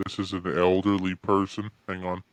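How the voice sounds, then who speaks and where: A man's voice: sits low, monotone, moderate pace, no echo, voice pushed down. A man goofing around on a podcast, his voice run through a voice changer. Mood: goofy. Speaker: podcast co-host. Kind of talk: casual podcast chat.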